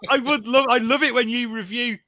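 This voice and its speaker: A man's voice: very high-pitched, fairly even intonation, quick pace, bright, forceful tone, dry recording. A man co-hosting a casual podcast chat about comics, talking enthusiastically and laughing often. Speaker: podcast co-host.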